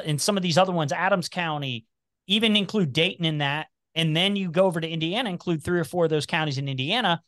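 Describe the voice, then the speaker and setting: A man's voice: on the high side, no echo, studio quality. A man from Cincinnati with a slight Appalachian twang, chatting casually and rambling as a podcast guest. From Cincinnati, Ohio, US. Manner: rambling, animated, many restarts.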